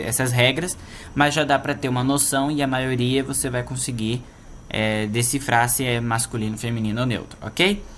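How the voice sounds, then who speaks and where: A man's voice: medium pitch, a bit bright, a little hiss or hum. A man with a Brazilian Portuguese accent, teaching a language lesson online and explaining patiently, often checking in with his listeners.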